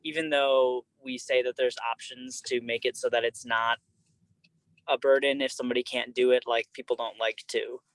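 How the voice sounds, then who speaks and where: A man chapter member joining an online meeting from a parked car, speaking in a relaxed, thoughtful way with "like" fillers. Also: medium pitch, normal speed, no echo, poor audio. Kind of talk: casual online meeting talk.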